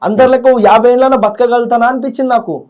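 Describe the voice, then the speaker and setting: A man's voice: extremely high pitch, steady tone, quick pace, a little mellow. A young man, a student leader speaking in an interview with heartfelt feeling and often repeating his words. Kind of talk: emotional interview.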